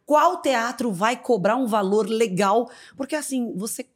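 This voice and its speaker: A woman's voice: on the high side, a little slow. A woman in her thirties from Brazil, a comedian telling funny stories on a podcast and acting out other people's voices. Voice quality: animated, acts out voices in shrieks. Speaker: guest comedian. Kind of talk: lively podcast storytelling.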